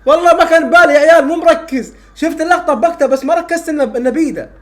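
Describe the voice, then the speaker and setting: A young man reacting live to a football match, exclaiming and repeating phrases, shouting at goals. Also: extremely high pitch, rapid-fire, slight background noise. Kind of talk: excited live reaction commentary.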